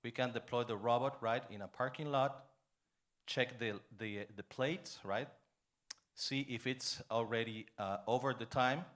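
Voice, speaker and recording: A man's voice: medium pitch, unhurried, fairly bright tone. Audience member, man, enthusiastic and wordy questioner. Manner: enthusiastic, wordy, adds "right?". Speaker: audience member, startup robotics head. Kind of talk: conference Q&A.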